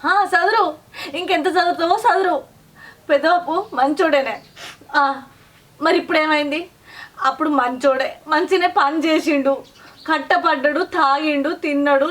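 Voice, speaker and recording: A woman with a Telangana accent speaks in a very high voice, tearful and pleading. She is heard from some distance off the microphone. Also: steady tone, moderate pace, a bit bright. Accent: Telangana Telugu. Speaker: wife complaining about her husband. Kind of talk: short film acting.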